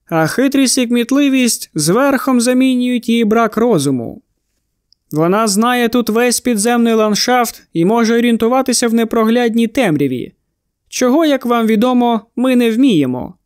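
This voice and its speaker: A man's voice: very high-pitched, smooth, no echo, clean studio sound. A man voicing a cheerful, cocky male monster hunter in an audiobook, mocking and commanding. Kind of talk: audiobook character voice.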